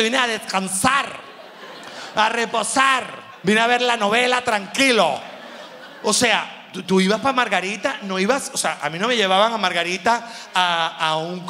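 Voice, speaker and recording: A Venezuelan man performing a stand-up comedy monologue, animated and full of slang as he acts out little scenes. His voice sits high and bright. The sound carries the long reverb of a large hall.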